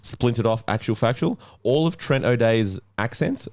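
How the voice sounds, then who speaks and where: A man's voice: medium pitch, animated, normal speed, darkish tone. A man co-hosting a podcast in loose, joking banter. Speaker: podcast co-host. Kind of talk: casual podcast chat.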